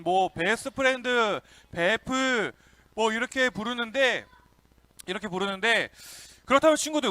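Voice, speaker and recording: Young male youth pastor, bright and animated, preaching to children with lots of call-and-response. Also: high voice, no echo. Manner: lively, calls out to kids and asks questions. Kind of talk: children's sermon.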